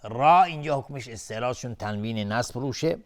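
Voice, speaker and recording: A man teaching tajweed on a TV lesson, reciting words slowly and then explaining the rules briskly, repeating words to show how they are said. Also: mid-range voice, expressive. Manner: repeats words to demonstrate pronunciation.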